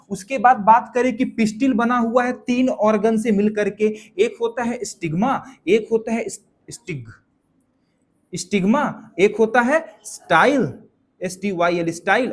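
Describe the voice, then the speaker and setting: A young male teacher lecturing a classroom of students, firing questions at them and making them repeat answers back. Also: high voice. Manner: drills students with call-and-response questions; scolds students sharply when they laugh.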